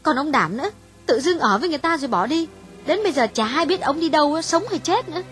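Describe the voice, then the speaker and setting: A woman voicing a gossipy, blunt young woman in an audiobook, asking prying questions in a husky voice. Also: sits high, animated, quick pace, soft background music. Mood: indignant. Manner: scolding, nosy questions. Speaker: audiobook voice actress.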